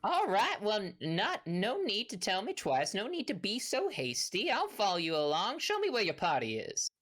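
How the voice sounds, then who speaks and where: A woman voicing a gruff, talkative male half-orc rancher who rambles folksily and calls people honey. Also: mid-range voice, wildly swooping pitch, moderate pace, a bit bright, voice pushed up. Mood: folksy.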